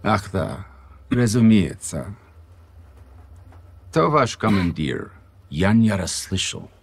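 Slow, gravelly, suspicious officer. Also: male voice, lowish voice, big pitch swings, full character voice. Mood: cold suspicion. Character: stern suspicious male officer questioning newcomers. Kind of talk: dramatic video game acting.

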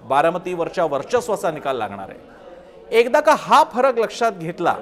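A man hosting a news show, giving a political explainer monologue in speech and reeling off vote figures analytically. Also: high voice.

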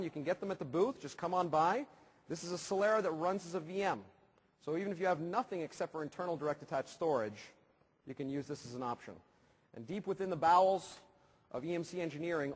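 A man in his thirties giving a brisk, enthusiastic live product demo on a large conference hall stage, speaking into a headset mic. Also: fairly high pitch, husky. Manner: brisk, enthusiastic, gesturing while demoing. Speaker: keynote presenter. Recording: long hall reverb.

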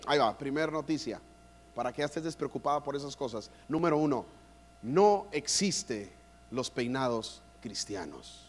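A man's voice: mid-range voice, animated, moderate pace, in a large hall, a little hiss or hum. A man preaching at a church conference, joking and playful with the crowd. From Mexico. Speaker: conference speaker. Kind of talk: humorous preaching.

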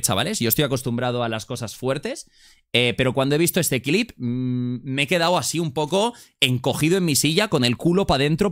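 A young man with a Spain Spanish accent reacting live on a stream, excitable and slangy, repeating words in bursts. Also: medium pitch, no room sound, clean studio sound.

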